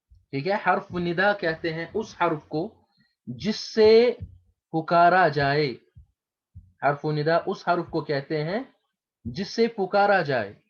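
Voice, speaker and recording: A man teaching Arabic grammar in a slow explanatory lecture, patiently repeating each term for his students. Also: on the high side. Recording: dull lo-fi recording.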